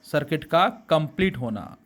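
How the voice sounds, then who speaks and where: A man's voice: on the high side, animated, moderate pace. A man teaching physics in Hindi mixed with English terms, calling his students beta and asking questions he answers himself. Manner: asks rhetorical questions and answers them himself. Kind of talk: classroom physics lecture.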